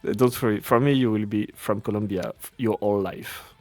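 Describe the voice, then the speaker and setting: A man's voice: fairly low pitch, fairly quick, no room sound, faint music behind. A man hosting a casual podcast chat who jokes around, laughs often and restarts his sentences. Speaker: podcast host.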